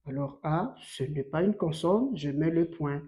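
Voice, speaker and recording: A woman from Rwanda leads a beginner French lesson in a slow, deliberate way. Her voice is low and mellow, and she leans hard on each letter as she spells it out. She sounds like a patient teacher going over the basics. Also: lively intonation. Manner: slow, emphatic, spells letters aloud with rising stress. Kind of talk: bilingual language lesson.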